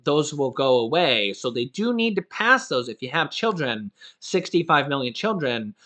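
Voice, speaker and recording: A man's voice: a little high, big pitch swings, normal speed, bright, forceful tone. A man giving casual political commentary in a vlog, rambling and filling his talk with "you know" and "of course". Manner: self-correcting, loose talk. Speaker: vlogger on stimulus news.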